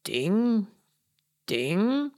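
A woman voicing a polite older male detective who speaks in a slow, measured, courteous way. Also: on the low side, lively intonation, heavily acted. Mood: musing.

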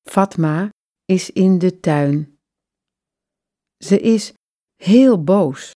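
Very slow woman reading a children's story. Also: lowish voice, warm tone. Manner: very slow, clearly phrased short sentences.

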